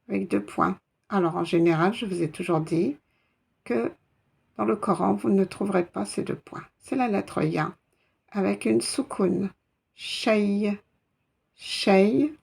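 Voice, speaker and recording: A woman's voice: mid-range voice, gravelly, darkish tone, husky. A woman teaching an Arabic reading lesson step by step, patiently spelling out letters and repeating sounds.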